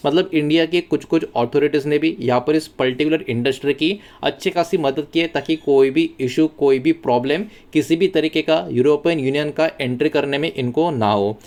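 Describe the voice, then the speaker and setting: A man's voice: fairly high pitch, normal speed, few pauses, a little mellow. A man hosting a stock market news channel, explaining the news in a conversational tone and often mixing English words into his sentences. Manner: conversational, mixes English words into Hindi, repeats phrases. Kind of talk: casual explainer monologue.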